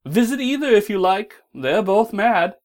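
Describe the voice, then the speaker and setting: A woman voicing a grinning, sly male cat in a storybook reading, speaking slowly and loudly with a drawn-out, teasing delivery. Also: mid-range voice, lively intonation, lightly acted. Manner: slow, drawn-out and loud.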